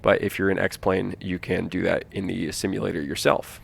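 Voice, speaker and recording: A man with a lowish, creaky voice teaches as a flight instructor. He explains procedures informally in a walkthrough style, stressing key points by repeating them. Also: little pitch movement, normal speed.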